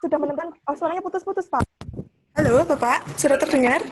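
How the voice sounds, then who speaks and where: A woman's voice: high-pitched, fast. Woman on a video call with choppy, cutting-out audio and a noisy line. She keeps checking that she can be heard. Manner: repeatedly asks whether she can be heard. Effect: breaking-up call audio over a bad connection. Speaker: participant asking a question in an online meeting. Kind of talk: formal questions in a video meeting.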